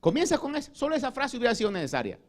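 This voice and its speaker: A male pastor preaching in a high voice that leaps up and down. He slows his delivery to stress key words and often turns to his listeners as "hermano.". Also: huge pitch swings. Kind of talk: sermon.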